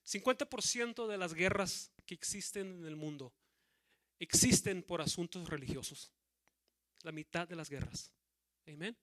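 Man pastor preaching, really high voice, drags out words for emphasis, lots of amens. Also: a little slow, fairly bright tone. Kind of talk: sermon.

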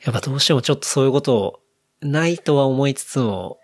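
A man's voice: medium pitch, expressive, fast talker. A young man casually explaining a news story to a friend, with many fillers. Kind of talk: casual chat.

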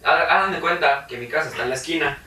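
A young man with a Mexican accent, chatting casually and telling an animated story with shouted, laughing bits. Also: a little high, fast talker. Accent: Mexican Spanish. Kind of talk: casual chat. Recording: echoey room, far from mic, noisy.

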